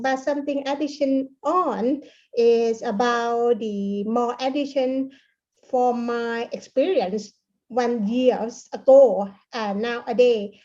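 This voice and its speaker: A woman with a Thai accent and Thai as her first language gives a conference presentation, speaking haltingly and repeating words. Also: on the high side, dark tone. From Thailand. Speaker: keynote speaker, university lecturer. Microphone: online conference call. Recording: dull, lo-fi online call audio.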